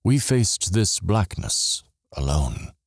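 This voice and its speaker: A lowish male voice telling a dramatic story in the first person, swinging widely in pitch as emotion rises. The sound is close and completely dry. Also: sing-song, slow pace, creaky, dry recording. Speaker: audiobook narrator. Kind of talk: scripted dramatic narration.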